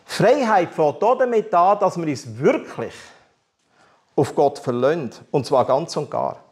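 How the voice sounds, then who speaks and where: In an unhurried, fairly high voice with lively intonation, a man with a Swiss German accent relates his personal testimony as a sermon. His telling is candid, animated, and humorous.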